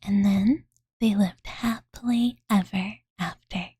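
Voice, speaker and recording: Speaking slowly and steadily at a medium pitch, a woman voices an affectionate but possessive young dragon girl who is telling a bedtime story for an ASMR roleplay. Her whisper is soft and breathy, captured close on a studio condenser mic in a dry recording. It feels cozy and dreamy, and she comes across as casual, cutesy, doting, and cozy, with many fillers.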